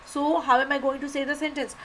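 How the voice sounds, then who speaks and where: A woman giving a live online lecture, animated, repeating key words and asking and answering her own questions. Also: high-pitched, fast, slight background noise, poor audio. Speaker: teacher.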